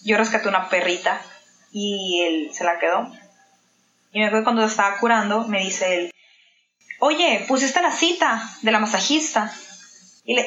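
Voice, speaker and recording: A woman's voice: medium pitch, fairly bright tone. A woman with a Mexican accent, a guest in an interview, telling a personal story and acting out the dialogue she quotes. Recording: roomy, slightly dull sound.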